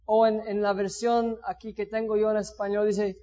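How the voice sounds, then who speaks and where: A high-pitched man preaches a sermon in a lively, animated way. He slips into playful complaining voices and grumbling sounds. The recording is dull and lo-fi. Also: moderate pace.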